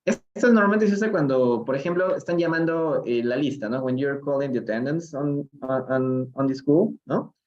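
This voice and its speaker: With a mid-range, slightly mellow voice and audio missing its high end, a man from Peru teaches a live-streamed English reading class. He moves slowly between English and Spanish to explain phrases, often tossing in "¿no?".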